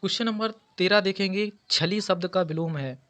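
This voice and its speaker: A man's voice: high voice, fairly quick, pushed and bright. A man teaching an exam preparation lesson, going through quiz answers and patiently repeating key words. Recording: dull lo-fi audio.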